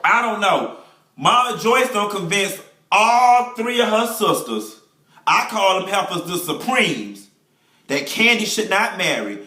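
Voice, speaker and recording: Sassy high bright-voiced man. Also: animated, unhurried, reverberant. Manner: sassy, brash and profane, calling the viewer honey and child. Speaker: reality TV reviewer. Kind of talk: sassy recap monologue.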